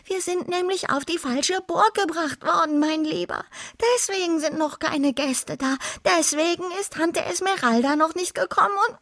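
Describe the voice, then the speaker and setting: A woman voicing an excitable, bossy young vampire girl in an audiobook, talking high and dramatically. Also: moderate pace, few pauses, no echo, clean studio sound. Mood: upset. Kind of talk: audiobook reading.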